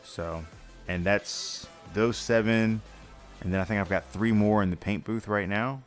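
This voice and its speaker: A man's voice: on the low side, unhurried, soft background music. A tired man hosting a live stream, chatting casually and rambling with lots of fillers and restarts while he builds a model kit.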